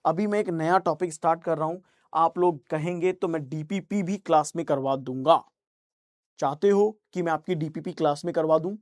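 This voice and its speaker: A man's voice: high-pitched, no room sound, clean studio sound. A man teaching an online reasoning class, answering students' chat questions in a reassuring, coaxing way and slipping English phrases into his talk.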